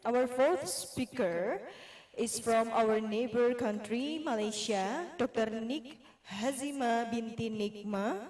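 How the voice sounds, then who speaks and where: A woman's voice: fairly high pitch, darkish tone. A woman moderating an online academic conference, politely introducing speakers and reading a guest's biography. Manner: polite, measured, scripted. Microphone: video call. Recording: echoey room, far from mic.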